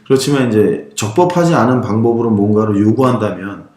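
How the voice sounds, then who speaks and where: A man's voice: on the low side, fairly quick, darkish tone, echoey room. A man hosting a casual chat about property auctions, teasing his co-hosts. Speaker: podcast host.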